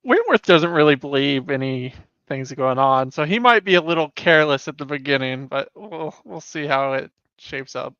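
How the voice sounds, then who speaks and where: A man playing a tabletop game, chatting casually in a relaxed, joking way. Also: a little high, moderate pace, few pauses, smooth, no echo. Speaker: player. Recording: dull, dry lo-fi mic.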